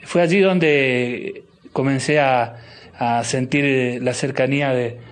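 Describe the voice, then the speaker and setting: Argentine bishop, slow and thoughtful. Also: male voice, medium pitch, fairly even intonation, clean tone. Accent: Argentine Spanish. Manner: slow, thoughtful, with frequent restarts and fillers. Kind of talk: interview guest.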